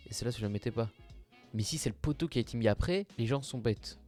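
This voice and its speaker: A man's voice: mid-range voice, fast, darkish tone, soft background music. Slangy young man reacting with exasperation. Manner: slangy, exasperated, mumbles asides. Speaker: reaction video host. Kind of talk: casual reaction commentary.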